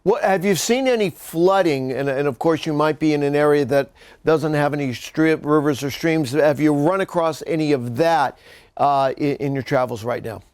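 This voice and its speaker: Halting male news anchor, higher-pitched voice. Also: a little mellow, clean tone, dry recording, studio quality. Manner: halting, rephrases questions midway. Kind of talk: live weather coverage interview.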